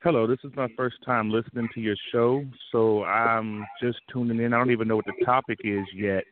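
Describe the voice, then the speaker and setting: A man's voice: medium pitch, fairly even intonation, brisk, slight background noise. A man calling in to a talk show and chatting casually. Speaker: phone-in caller. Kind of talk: casual chat. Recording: tinny phone line.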